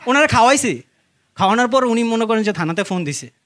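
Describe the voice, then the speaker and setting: Male stand-up comic, Bangladeshi accent, high register, quick chatty storytelling, live crowd laughter, slight background noise. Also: expressive. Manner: conversational storytelling, addressing the audience and acting out dialogue. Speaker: stand-up comedian. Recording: live stage recording with faint noise.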